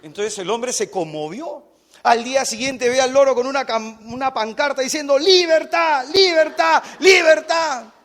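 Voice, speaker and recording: High-voiced man preaching a lively sermon. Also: moderate pace. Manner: animated storytelling, acts out voices.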